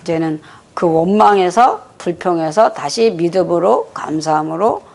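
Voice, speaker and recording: A middle-aged woman preaches in a low, gravelly voice. She tells a story as she preaches and acts out each person's words in it. The sermon is given at a prayer retreat hall. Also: normal speed, darkish tone. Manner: storytelling preacher who acts out quoted dialogue. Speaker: pastor.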